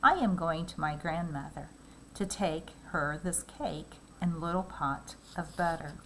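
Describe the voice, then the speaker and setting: An innocent little girl from a storybook, voiced by a woman reading aloud speaks slowly and eagerly. Her lines rise higher than the narration, with a sing-song lilt. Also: a little hiss or hum, rough recording.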